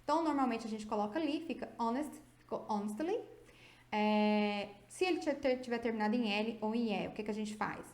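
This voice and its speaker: A woman teaching an English grammar video lesson, speaking with a Brazilian Portuguese accent in a fairly high voice. She explains step by step and keeps checking in with her students. The recording has a roomy echo. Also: a little fast, a little mellow.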